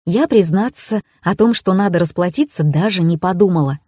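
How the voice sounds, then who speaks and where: A woman narrates a first-person audiobook with lively, ironic storytelling. Her voice is husky and mid-pitched, recorded dry and close with no room sound. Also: moderate pace, no room sound.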